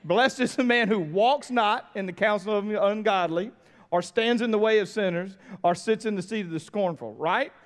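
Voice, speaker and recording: American man, pastor's sermon, high voice, long hall reverb, animated storytelling. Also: normal speed. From United States. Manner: animated storytelling, shifts from quiet to shouting.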